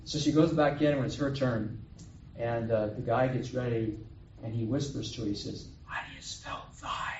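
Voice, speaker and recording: A man's voice: mid-range voice, steady tone, normal speed, noisy background. A man giving a homily as a priest, telling a story and acting out the quoted voices. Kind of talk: homily at Mass. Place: chapel or church. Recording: echoey room, distant mic, dull sound.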